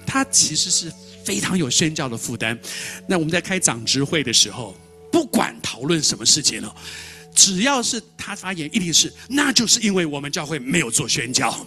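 A man preaches a story-filled sermon at a rapid clip. He repeats words and acts out the dialogue, in a bright, forceful voice that sits a little high. Soft music plays faintly behind him. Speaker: pastor.

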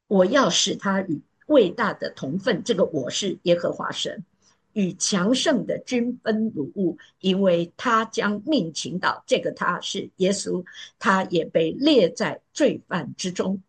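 A woman preaching a sermon with earnest emphasis. Her voice is very husky and breathy, and her pitch sits in the middle. She often sinks to a soft, pleading tone. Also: animated, measured pace.

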